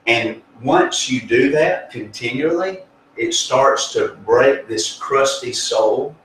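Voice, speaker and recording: A man's voice: medium pitch, expressive, slow pace, fairly bright tone, a little hiss or hum. A man, a pastor, explaining faith in an earnest, folksy, conversational way, full of fillers and restarts. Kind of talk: conversational spiritual teaching. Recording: echoey room, distant mic, faint ambience.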